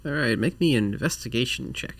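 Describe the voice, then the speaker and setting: A man narrating as game master of a casual tabletop game, in an animated, rambling way. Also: mid-range voice, a little fast, gravelly, a little hiss or hum.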